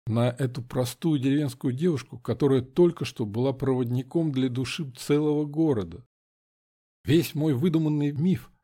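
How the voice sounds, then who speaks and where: A man reading a first-person audiobook in a measured, dramatic way. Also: medium pitch, dark tone, breathy edge. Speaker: audiobook narrator.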